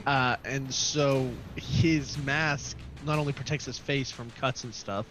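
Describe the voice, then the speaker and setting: A man's voice: medium pitch, steady tone, takes it slowly, background noise. A man playing in a tabletop game, hesitant and rambling with fillers. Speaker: player. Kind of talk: casual tabletop play.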